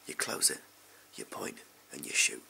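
Bright and forceful at normal speed, a young English man whispers through a role-play as a dodgy gun dealer, all furtive, clipped, offhand salesman sleaze with no morals. He's selling on the sly, recorded near the camera in a small indoor room at home.

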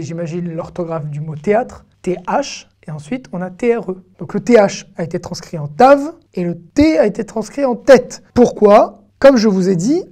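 A woman teaching an online language lesson, saying each word slowly and clearly several times before she explains it. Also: medium pitch, mellow. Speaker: Hebrew teacher.

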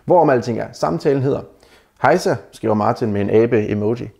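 A man's voice: lowish voice, vocal fry, dark tone. A man giving casual dating advice to the camera, bluntly mocking the messages he critiques and calling his viewers guys. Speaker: dating advice video maker.

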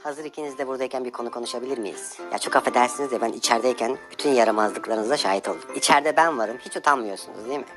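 A woman's voice: extremely low pitch, very fast, few pauses, music in the background. Sassy woman ranting as a newborn. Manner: sassy, complaining, mocking. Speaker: comedian. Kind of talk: comic monologue as a sassy newborn baby.

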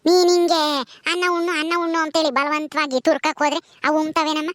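A woman playing an older village woman, gently coaxing a crying child and chiding its mother. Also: high voice, fairly even intonation, fast, no room sound. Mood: reproachful. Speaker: actor in a village drama. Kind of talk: village skit acting.

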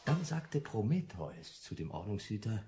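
A man's voice: lowish voice, big pitch swings, moderate pace, dark tone, faint music behind. An actor playing a cheeky young male student who eagerly tells friends a wild story, laughing and mimicking voices in a radio play. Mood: amused storytelling. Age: young adult. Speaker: schoolboy telling friends his adventure. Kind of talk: German radio play acting.

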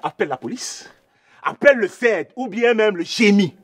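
An actor playing a threatening young thug who shouts and makes threats. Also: male voice, sits high, expressive, moderate pace. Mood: menacing. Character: menacing young male thug demanding to see his girlfriend.

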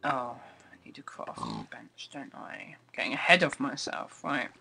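Sniffly from a cold, a young let's play host offers casual commentary on his game in a gravelly, mid-range voice whose pitch swoops wildly, at normal speed. He chats and thinks aloud, often in a low murmur, while game music plays behind him.

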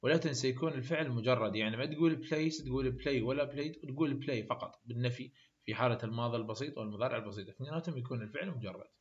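A man with an Iraqi Arabic accent races through an English exam lesson in a medium-pitched voice, explaining by posing questions and answering them himself. The audio has its highs cut off.

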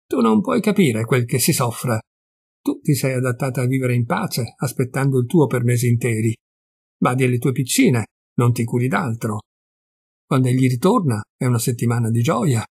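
A man's voice: medium pitch, expressive, moderate pace, vocal fry, darkish tone, slightly rough. A sad young wife, read by a man. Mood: plaintive.

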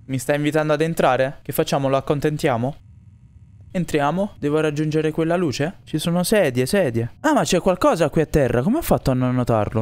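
A man's voice: mid-range voice, darkish tone. A young man commentating a horror game he is playing, jumpy and swearing, talking to his viewers. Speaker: gaming YouTuber.

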